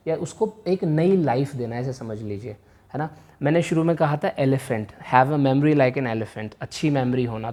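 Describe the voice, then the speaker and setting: A man's voice: a little high, dark tone. A man teaching a vocabulary lesson to viewers. He mixes Hindi and English, restates each meaning several times and often checks in with "right?". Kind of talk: explanatory video lesson.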